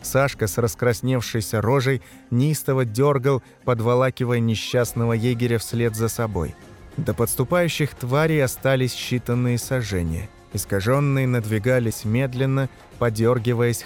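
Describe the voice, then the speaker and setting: A man reading a dark fantasy novel aloud as narrator, shouting the characters' lines in the battle scenes. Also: mid-range voice, steady tone, moderate pace, soft background music. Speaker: audiobook narrator. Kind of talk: scripted narration.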